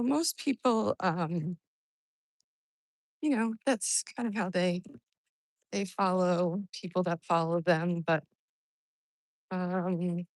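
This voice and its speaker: On a hot-weather walk for exercise, a woman chats with her livestream followers, greeting them, answering their questions, and rambling along. Her voice sits on the low side and is a little mellow. The poor audio has no room sound.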